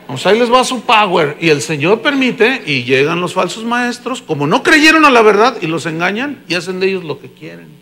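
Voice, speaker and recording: A pastor with a Mexican accent preaching a sermon, telling a story with loud emphasis and hushed asides. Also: male voice, high-pitched, very animated, moderate pace, hardly any pauses. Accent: Mexican Spanish.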